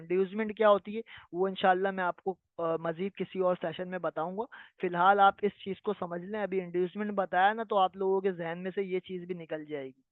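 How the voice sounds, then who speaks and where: A man's voice: high voice, no echo. A man teaching a live online trading lesson, patiently explaining and often checking that his listeners follow. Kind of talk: live online lesson answering viewer questions. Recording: tinny phone-like sound, dry.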